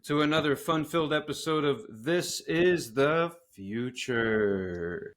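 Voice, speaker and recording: A man in his forties co-hosting a podcast in casual banter, crude and joking and quick to laugh. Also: on the high side, animated, a bit bright. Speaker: podcast co-host.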